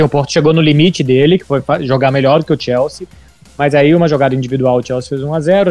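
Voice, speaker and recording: A Brazilian man hosts informal football talk as a sports journalist. His voice is fairly high, and music plays faintly underneath. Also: darkish tone. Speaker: sports podcast host and journalist.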